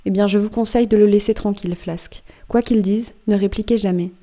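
A woman narrates as a cocky old-time sailor spinning a yarn about his dream, conspiratorial and amused. The voice is mellow and dark, steady in pitch, never rushed into a shout. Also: lightly acted. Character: wry, boastful male sailor telling his dream. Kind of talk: audiobook reading.

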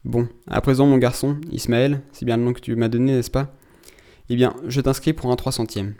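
A man's voice: mid-range voice, fairly even intonation, moderate pace, dark tone, smooth, natural voice. A man voicing a hot-tempered old sea captain who blusters and roars when angered. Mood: gruff, settled.

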